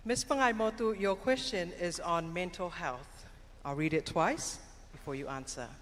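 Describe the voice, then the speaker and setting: A man's voice: high-pitched, normal speed, fairly bright tone. A man formally announcing as host at a live pageant. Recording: echoey hall, crowd and noise.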